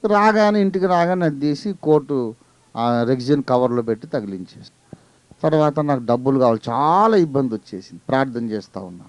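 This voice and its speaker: A man's voice: medium pitch, animated, brisk, no echo. Fervent male pastor preaching. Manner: fervent, storytelling, with rising hallelujah exclamations. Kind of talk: sermon.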